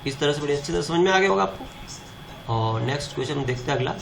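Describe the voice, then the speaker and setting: A man's voice: fairly high pitch, lively intonation, quick pace, vocal fry, crowd noise. A man teaching a grammar lesson, asking the class questions and answering them himself.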